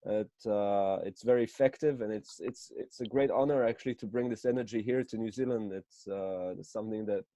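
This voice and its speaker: A man originally from Israel is introducing himself over a video call. His voice is dark and mellow and sounds dry and close. He rambles gently, with plenty of fillers and restarts. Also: fairly low pitch, steady tone, brisk, hardly any pauses, no room sound. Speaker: counselor and psychotherapist. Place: home, early morning.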